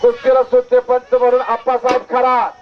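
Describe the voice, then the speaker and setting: High-voiced man commentating over a loudspeaker. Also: completely flat delivery, brisk, slight background noise. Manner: commanding, directs the crowd and referees. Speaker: wrestling commentator. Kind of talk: live event commentary. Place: outdoor wrestling ground. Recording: muffled loudspeaker sound outdoors.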